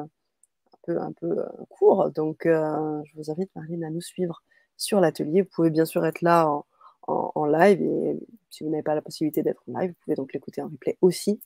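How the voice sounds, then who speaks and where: Woman host reading viewer questions, low creaky voice, dry close sound, kinda hesitant. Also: little pitch movement, a little fast, dark tone, no room sound. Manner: reads out audience questions, hesitant with fillers. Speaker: host of a live online workshop. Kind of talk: hosting a live Q&A.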